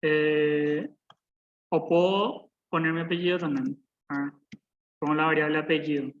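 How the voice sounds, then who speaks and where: A man's voice: on the high side, steady tone, a little slow. Man teaching code over a muffled call. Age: 20s. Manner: patient, repeats points, checks in with "¿verdad?". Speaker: programming instructor. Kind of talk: live online coding lesson. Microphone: video call.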